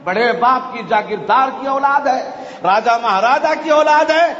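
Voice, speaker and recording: A man preaching a sermon with passion, dropping to low murmurs and rising to shouts. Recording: echoey hall, dull lo-fi sound, faint ambience.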